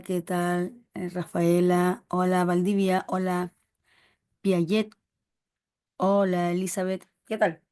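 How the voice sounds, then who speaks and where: A Peruvian woman teaches an online prep class, greeting students by name and casually, affectionately calling them "chiqui." Her voice is clean and a little mellow, and she acts out quoted relatives in a higher voice.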